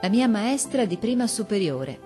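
A woman narrating a classic novel as an audiobook, in a measured, expressive storytelling manner. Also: mid-range voice, over loud music. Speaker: audiobook reader.

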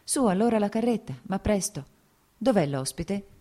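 A woman's voice: medium pitch, lively intonation, normal speed, mellow, voice pushed up, natural voice. A woman voicing a jealous, impulsive young landowner, reading him curt and agitated, only a little apart from her narrating voice.

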